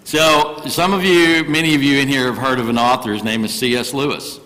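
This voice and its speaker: Preaching as a guest in a church sanctuary, an older man shares a personal story in an earnest, folksy sermon through a microphone and speakers. He has a medium-pitched, sharp, steady voice and talks a little fast. The sound is poor, with a big-room quality.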